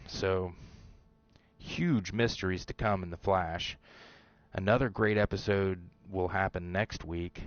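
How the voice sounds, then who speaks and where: A man's voice: low-pitched, dry recording, highs cut off. A man hosting a show, casually talking through his theories about a TV episode, rambling with fillers and restarts. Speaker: show host.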